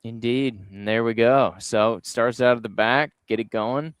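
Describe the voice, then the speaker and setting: A man hosts a casual soccer recap, narrating each goal clip with upbeat play-by-play energy. His voice is smooth and clear. The recording is dry and close, with no room sound. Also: medium pitch, fairly even intonation, moderate pace, no echo. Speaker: podcast host. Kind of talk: casual sports recap chat.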